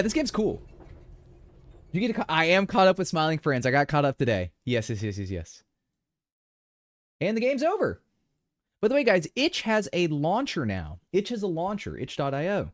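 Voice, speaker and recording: A man's voice: sits high, huge pitch swings, fairly quick, no echo, clean studio sound. A young man streaming a game, chatting playfully with his viewers. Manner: playful, chatty, addresses chat. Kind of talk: casual live-stream commentary.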